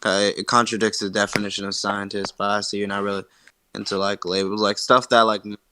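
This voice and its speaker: A man's voice: lowish voice, flat delivery, fast talker, background noise. A man taking part in a casual voice-chat discussion, rambling with many fillers. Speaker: participant.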